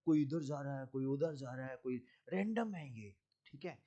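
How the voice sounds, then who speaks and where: A man's voice: mid-range voice, animated, normal speed, mellow, highs cut off. A man with an Indian accent teaching a physics lesson, mixing Hindi and English and asking his students questions as he goes. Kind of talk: classroom physics lecture.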